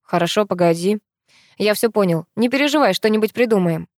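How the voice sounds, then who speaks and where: A woman reading an audiobook, voicing a calm young man who speaks in a soothing, practical way. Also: medium pitch, a little fast, no room sound, studio quality, lightly acted. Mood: reassuring.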